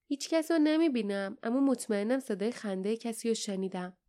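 A woman voicing a bold, sharp-tongued girl who talks in a curt, scornful way. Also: a little high, expressive, close to an everyday voice.

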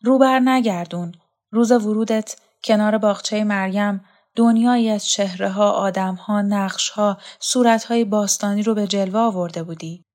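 An earnest young man pleads with fervent longing, read by a woman narrator in her own voice. He sounds at a plain middle pitch, since the storybook reading hardly changes the voice. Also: a little mellow, natural voice. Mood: yearning.

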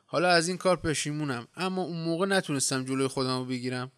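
A man's voice: a little high, a bit bright, clean tone, no echo, clean studio sound, natural voice. A man reading the part of a wandering handyman who speaks plainly and earnestly. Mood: remorseful.

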